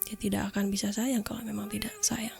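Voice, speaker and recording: A woman gives a motivational pep talk in a breathy ASMR whisper, speaking straight to the listener in short, deliberate phrases. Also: mid-range voice, fairly even intonation. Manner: addresses the listener directly. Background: soft plucked guitar music.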